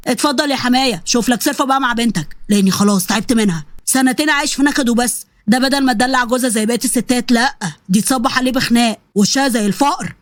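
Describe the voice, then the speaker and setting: A woman's voice: a little high, racing, hardly any pauses, no room sound, clean studio sound, lightly acted. A woman voicing a cruel, mocking young husband, with an Egyptian accent, in a story. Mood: taunting. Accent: Egyptian Arabic. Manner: mocking, bullying.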